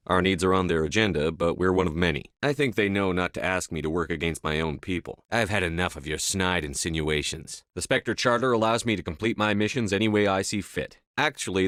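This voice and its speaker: Video game military commander: low male voice, steadfast, clipped and formal, dry close sound. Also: fairly bright tone, no echo. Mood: measured, earnest, then firm, indignant, then composed, guarded. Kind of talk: video game dialogue lines.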